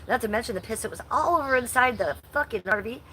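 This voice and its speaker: On a casual livestream, an Ohio woman walks through her backyard, chatting, swearing freely and reacting to chat, her voice stuffy and nasal from allergies. She sounds a little high, expressive, quick and sharp. The poor audio has slight background noise.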